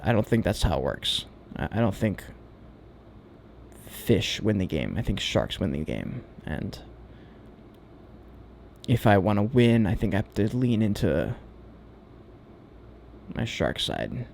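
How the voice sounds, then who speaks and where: A man's voice: fairly low pitch, big pitch swings, slow, vocal fry, long pauses, a little mellow, slight background noise. A man vlogging a candid, reflective monologue about himself. He talks in a searching, hesitant way and swears freely.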